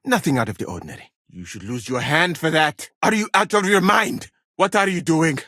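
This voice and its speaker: An actor playing a learned, courteous physician from Mali in a video game, a husky voice and measured, formal phrasing. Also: male voice, a little high, lively intonation, sharp tone, no room sound, studio quality, full character voice. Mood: calm, practical, then alarmed, outraged. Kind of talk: video game character dialogue.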